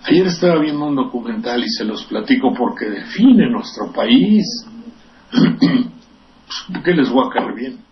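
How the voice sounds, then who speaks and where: A man's voice: medium pitch, expressive, takes it slowly, long pauses, far from the mic. Older Mexican male radio host, sarcastic, profane, meandering; lo-fi recording with faint hiss. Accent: Mexican Spanish. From Veracruz, Mexico. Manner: rambling, sardonic and profane, with digressions. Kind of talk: political commentary on radio.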